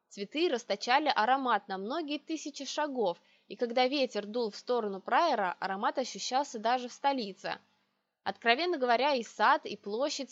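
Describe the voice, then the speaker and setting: A woman narrating a first-person audiobook in a measured, reflective way, recorded a little dull. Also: fairly high pitch, dry recording.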